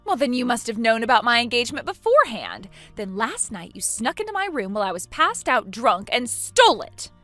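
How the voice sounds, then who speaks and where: A woman's voice: on the high side, very animated, fairly quick, few pauses, sharp tone, no room sound, faint music behind. A woman in her twenties voicing a smug, spiteful younger sister who mocks and laughs at others, in a voiced text-message story. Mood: accusing. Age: 20s.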